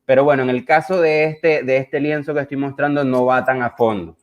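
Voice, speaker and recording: A man's voice: mid-range voice, fairly even intonation, fairly quick. A man with a Caribbean Spanish accent talking reflectively as a visual artist, hesitant and often searching for words. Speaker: visual artist presenting his work. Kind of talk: reflective conversational talk. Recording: dull, lo-fi online audio.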